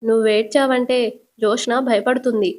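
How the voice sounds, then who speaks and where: A lady doing a gentle young guy calming his aunt down, soft coaxing. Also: on the high side, normal speed, natural voice. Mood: reassuring. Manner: soothing, coaxing. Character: calm reassuring young man, caring nephew.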